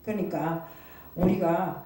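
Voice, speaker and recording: Mellow woman preaching in an echoey hall. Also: fairly low pitch, fairly even intonation, slow pace. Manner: rhetorical questions, frequent hesitation fillers; confessional, self-critical. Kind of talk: sermon. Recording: very echoey room, far from the mic.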